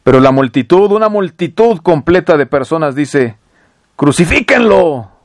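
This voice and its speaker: Guy preaching, reads the verses then goes over them, kinda high voice, dry close sound. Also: animated, normal speed, darkish tone, no echo. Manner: reads verses then explains with rhetorical questions. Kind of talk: sermon reading scripture.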